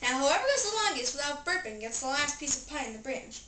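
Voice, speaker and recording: A woman's voice: high voice, big pitch swings, quick pace. A woman play-acting a cartoon comedy scene in an exaggerated, theatrical manner, in an amateur style. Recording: roomy, distant mic with clear noise.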